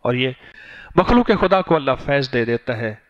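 A man giving a sermon, with storytelling passages and slow, chanted litanies. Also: medium pitch, animated, lo-fi sound. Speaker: religious teacher.

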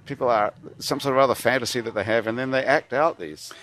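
A man's voice: mid-range voice, fast talker, fairly bright tone. A man hosting a podcast, chatting casually, teasing his guest and swearing now and then. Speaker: podcast host.

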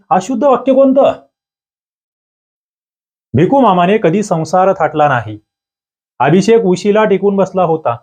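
A man teaching an exam-prep grammar lecture, lively and coaxing, asking students for answers. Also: high voice.

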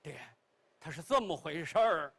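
A man voicing a calm, earnest grown eldest son in a storytelling performance, explaining in a low, steady voice. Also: normal speed, breathy edge.

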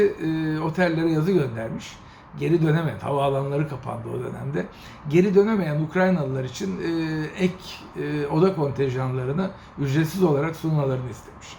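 A middle-aged man from Turkey tells a travel story in a raised, gravelly voice. He shifts from easy chat to animated indignation, mimicking officials in quick bursts. The sound is roomy with a faint hum of ambience behind. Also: fairly high pitch. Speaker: host. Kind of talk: casual storytelling monologue. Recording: echoey room with faint ambient noise.

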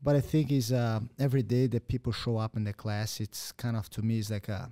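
The host, a jiu-jitsu instructor, keeps a level tone in his low, mellow male voice as he conducts an interview. He gropes for words in halting phrases with non-native grammar. The setting is a podcast studio in a martial arts gym, with a boom-arm studio mic and headphones.

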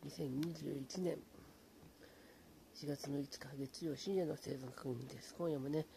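A man talking in a hushed, low voice from his apartment late at night, greeting viewers by name and rambling in a relaxed way. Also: a little slow, vocal fry, noisy background. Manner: hushed, low-volume talk; relaxed, rambling, fond of fillers like うん. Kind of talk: casual late-night chat.

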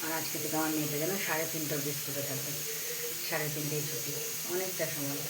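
A woman's voice: sits low, fairly even intonation, fast. Chatty woman vlogging over household noise. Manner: chatty, homely, addresses viewers as friends. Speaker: home vlogger. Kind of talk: casual daily-life vlog narration. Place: home kitchen and rooftop. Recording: noisy home phone recording.

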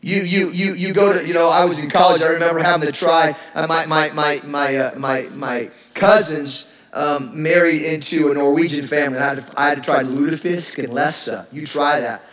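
A middle-aged male pastor giving a lively, joking sermon in a church. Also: on the high side, moderate pace, few pauses, reverberant, poor audio. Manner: animated, joking, acts out sarcastic voices. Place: church sanctuary.

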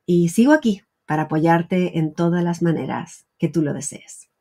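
A woman's voice: lowish voice, lively intonation, moderate pace, dark tone. A woman around forty explaining things earnestly and directly to the viewer as a channel host, recorded in a small home office. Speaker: YouTube channel host, wellness educator. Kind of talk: direct-to-camera explanatory vlog talk. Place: small wood-panelled home office, indoors.

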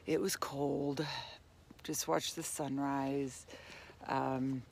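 A woman's voice: rumbling low, little pitch movement, very slow, creaky, a little mellow, slight background noise. A woman in her fifties chatting casually to her phone camera while camping in a van, laughing often. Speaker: vlogger. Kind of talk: casual travel vlog. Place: camp van and forest campsite. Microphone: phone at arm's length.

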